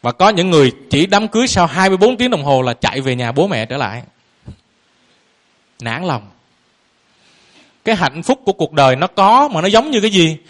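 A man's voice: fairly high pitch, sing-song, fairly quick, pauses often. A man giving a Buddhist dharma talk to a lay audience as their teacher, throwing out rhetorical questions and chuckling playfully.

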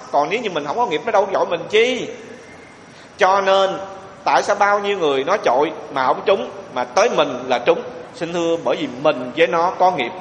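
A man's voice: fairly high pitch, fairly bright tone, slight background noise. A man giving a Buddhist sermon, putting rhetorical questions to his listeners with emphasis. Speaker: Buddhist monk. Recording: echoey hall with long reverb.

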